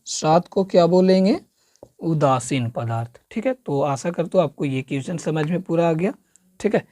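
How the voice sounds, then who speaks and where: A man's voice: fairly high pitch, animated, moderate pace, warm tone, no echo, clean studio sound. A man giving an exam-prep science lesson as a coaching teacher, quizzing the listener with repeated questions and drilling the answers. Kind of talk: exam-prep classroom lecture.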